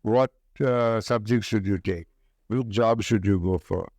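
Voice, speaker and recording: An older man with an educated upper-class Indian accent, answering interview questions in a deliberate, emphatic way and repeating phrases for stress. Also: lowish voice, a little mellow, dry recording, clean studio sound.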